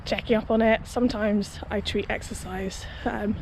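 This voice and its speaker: A woman's voice: medium pitch, steady tone, moderate pace. A young woman chatting casually to her vlog audience in a hedging, conversational way, recorded outdoors. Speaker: running vlogger. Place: outdoors beside a busy city road. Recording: outdoor street noise, passing traffic.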